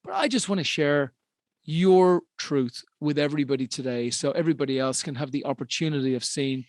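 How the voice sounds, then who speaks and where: A man's voice: on the high side, brisk, darkish tone, no room sound, studio quality. A man hosting a podcast interview, enthusiastic and emphatic, repeating words for stress. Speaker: podcast host and investor.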